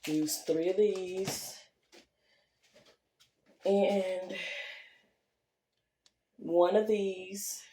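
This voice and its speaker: A woman's voice: mid-range voice, fairly even intonation, extremely slow, long pauses, mellow, echoey room. A woman, chatting casually as she demonstrates baking in her small home kitchen, rambling with lots of fillers. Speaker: home baker.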